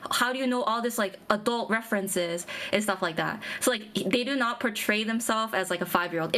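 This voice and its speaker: A woman's voice: mid-range voice, a bit bright. A young woman streamer in casual chat with friends, explaining at length with lots of fillers and restarts. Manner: rambling, many fillers and restarts.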